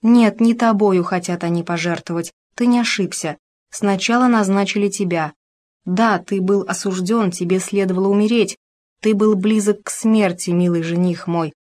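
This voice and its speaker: A woman's voice: mid-range voice, steady tone, moderate pace, darkish tone, close to an everyday voice. A woman reading the lines of an anxious, loving young noble bride in an audiobook, with urgent, emotional pleading.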